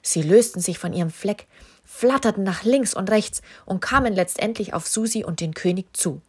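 A woman calmly and expressively reading a children's story aloud as narrator. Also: medium pitch, normal speed, husky.

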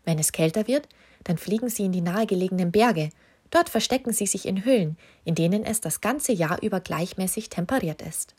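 A woman calmly and expressively reading a children's story aloud as narrator. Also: medium pitch, brisk, breathy edge.

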